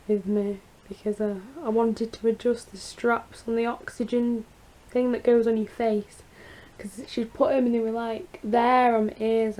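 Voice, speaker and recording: A woman with a croaky, creaky voice after surgery, chatting casually in a rambling, confiding personal vlog update. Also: on the high side, warm tone, low-quality recording. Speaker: vlogger.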